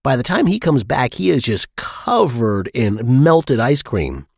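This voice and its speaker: A man's voice: mid-range voice, sing-song, unhurried, gravelly, a little mellow, slightly rough, no echo, studio quality. A man telling scripted dirty jokes in a leering, smutty, theatrical manner, acting out the dialogue. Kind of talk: scripted joke-telling countdown.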